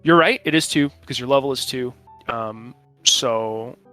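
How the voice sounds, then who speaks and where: A man with a bright voice leads a tabletop role-playing game as game master. He improvises narration and explains rules informally and haltingly, with faint music behind him. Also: medium pitch.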